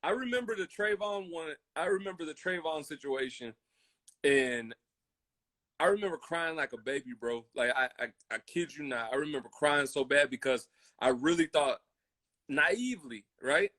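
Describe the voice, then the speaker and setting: Co-hosting a casual, impassioned podcast, this American man, who grew up in a military family in Germany, Colorado and Hawaii, has a fairly high voice that sounds pushed and bright. He's expressive at a moderate pace, speaking emphatically, repeating phrases and performing imagined quotes.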